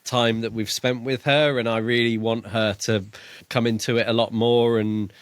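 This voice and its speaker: Thinking aloud and occasionally hesitating, a man co-hosting a podcast discusses a book in a relaxed chat. His voice is mid-range and clean-toned, his delivery flat and moderately paced, with no echo in the recording.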